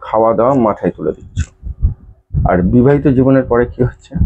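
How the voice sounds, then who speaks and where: Earnest man, mellow lo-fi voice. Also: medium pitch. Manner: earnest, repetitive, addresses viewers as "you". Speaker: astrologer giving remedies. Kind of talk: direct-to-camera advice talk.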